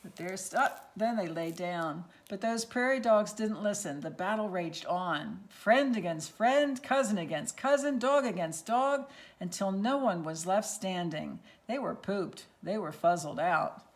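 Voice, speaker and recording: A woman reading a picture book aloud at storytime, expressive, with asides about the pictures. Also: medium pitch, measured pace. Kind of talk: read-aloud storytime with voices.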